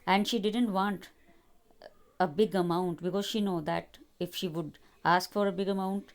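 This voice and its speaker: A woman's voice: lowish voice, steady tone, moderate pace. A woman teacher, reading a short story aloud to her class and explaining each passage in simple words.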